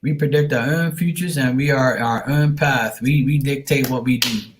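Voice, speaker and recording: A man's voice: medium pitch, moderate pace, slight background noise. A man hosting a casual livestream chat, talking informally to viewers and giving them encouraging advice. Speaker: psychic reader and livestream host.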